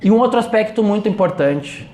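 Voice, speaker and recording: Slow, high-voiced male speaker. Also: expressive, warm tone, slight background noise. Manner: slow, deliberate storytelling with emphatic pauses. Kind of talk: inspirational religious talk. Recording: roomy echo.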